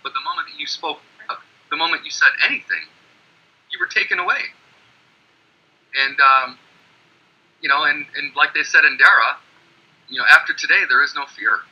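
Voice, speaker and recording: A man's voice: a little high, moderate pace, long pauses, breathy edge, lo-fi sound. A man speaking emphatically in an online panel discussion, brushing off opposing claims.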